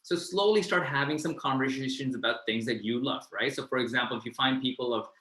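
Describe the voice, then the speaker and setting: Guy from pakistan giving finance career advice, bright voice, echoey room, keeps saying "right?". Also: medium pitch. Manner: fast, animated, conversational, lots of "right?" tags. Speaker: finance mentor. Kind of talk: mentoring Q&A answers. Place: video call.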